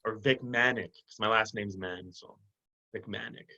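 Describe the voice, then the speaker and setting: A man's voice: fairly low pitch, moderate pace. Guy on a zoom call telling wild stories, laughing a lot, kinda muffled lo-fi sound. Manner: animated storytelling with laughs. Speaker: guest. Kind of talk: casual chat on a video call. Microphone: video call. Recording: dull lo-fi video call audio.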